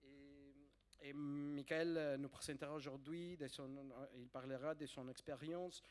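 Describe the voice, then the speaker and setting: A man who isn't a native French speaker introduces a guest to a live audience, his French carrying a foreign accent. He speaks haltingly, repeating words while hunting for the right phrasing. His voice is fairly high-pitched, with a steady tone.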